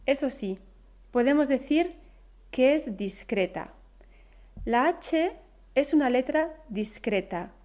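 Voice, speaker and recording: A woman with a Spain accent, reading a scripted podcast lesson and saying each example word slowly and carefully. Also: a little high, darkish tone. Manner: slow, careful pronunciation of example words. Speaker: Spanish teacher, podcast host.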